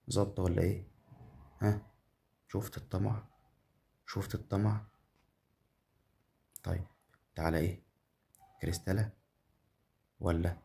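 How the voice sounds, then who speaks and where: Deep-voiced Egyptian man commentating gameplay. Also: gravelly, mellow. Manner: chatty, talks straight to the viewer, counts winnings aloud. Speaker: gambling game streamer.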